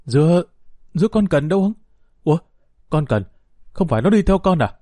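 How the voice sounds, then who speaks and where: A man's voice: on the high side, big pitch swings, brisk, warm tone, no echo. A man narrating a story voices a young mother frantic with grief, wailing and breaking as she speaks.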